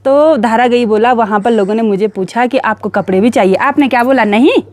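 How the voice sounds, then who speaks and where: A young woman vlogs outdoors in her hill village in Uttarakhand, India, using a phone camera, her casual narration cheerful, chatty and full of teasing for the neighbours. Her voice sits on the high side, with a brisk delivery and a darkish tone.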